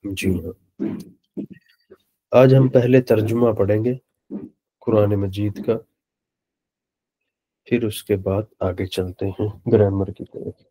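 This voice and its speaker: A man gives a beginner lesson, slow and patient, repeating each word so his students can follow. His voice is low and mellow. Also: fairly even intonation. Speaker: Arabic teacher. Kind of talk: online lecture in Urdu.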